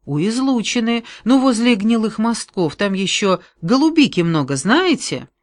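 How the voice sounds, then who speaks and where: A reader voicing a naive, awkward young man who tells his story haltingly, in an audiobook. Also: medium pitch, lively intonation, no echo, clean studio sound, voice pushed up, natural voice. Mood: indignant. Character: naive awkward young male forester's son.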